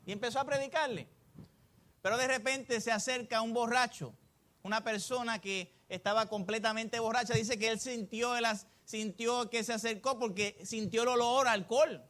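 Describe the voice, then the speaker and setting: High-voiced Puerto Rican preacher. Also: male voice, normal speed. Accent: Puerto Rican Spanish. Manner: animated storytelling, addressing the congregation. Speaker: pastor. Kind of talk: sermon.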